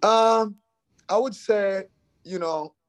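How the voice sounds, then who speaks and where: A middle-aged man from Uganda, a youth soccer academy director, talking in a relaxed interview and often saying "you know" and "um". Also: sits high, takes it slowly, clean tone, no room sound. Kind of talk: casual interview.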